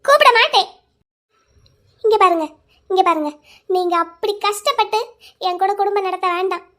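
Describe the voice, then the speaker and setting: Woman doing a teary cartoon wife, very high squeaky voice, loud and bitter, tells him off. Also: steady tone, a little fast. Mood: hurt, accusing. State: crying. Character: hurt young wife, proud and firm. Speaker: voice actor. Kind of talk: cartoon drama voice acting.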